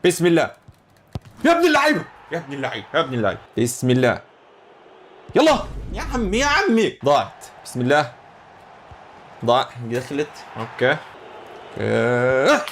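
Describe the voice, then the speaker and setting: A young man with an Egyptian accent commentating his football video game, excitable and exclamatory as he reacts to plays. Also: fairly high pitch, a little hiss or hum. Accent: Egyptian Arabic. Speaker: gaming channel host.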